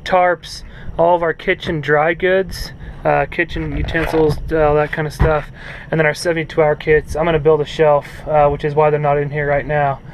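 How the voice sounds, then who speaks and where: A man talks through a casual, rambling walkthrough outside in open desert, filling gaps with ums and uhs. His voice is a bit high and flat, with little rise or fall. Clear wind and outdoor noise sits under it on the camera mic. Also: moderate pace. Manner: rambling, many fillers, hands-on. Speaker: vlogger showing his trailer. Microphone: head-mounted action camera.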